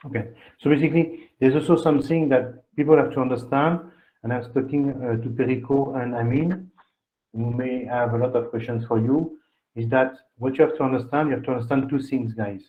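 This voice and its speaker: A man's voice: mid-range voice, steady tone, brisk. A man hosting a webinar as an admissions consultant, rambling through his explanation and checking in with "okay?". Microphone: video call. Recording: tinny phone-like call audio.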